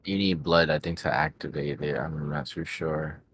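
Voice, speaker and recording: A man with a very deep voice talks as a player in a tabletop game. He chats casually and a little tentatively. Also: flat delivery, normal speed, a bit bright, husky.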